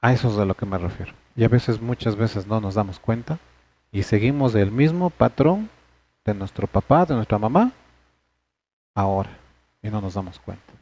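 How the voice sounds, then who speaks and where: A man's voice: on the low side, normal speed, warm tone. A man leading a church men's study session, talking earnestly and conversationally to the group.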